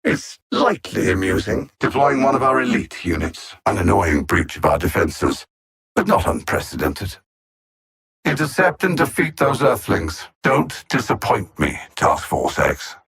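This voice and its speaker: An actor voices a video game villain, a cold, condescending alien machine intelligence intent on conquest, delivering measured menace and sardonic understatement. His male voice is low, gravelly, slightly rough and fairly bright, performed as a very animated full character voice with commanding menace.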